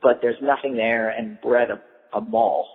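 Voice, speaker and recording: A man's voice: mid-range voice, fairly even intonation, moderate pace. A man casually telling a long story, rambling with lots of "like" and "you know". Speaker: storyteller recounting a trip. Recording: tinny phone-like line with long reverb.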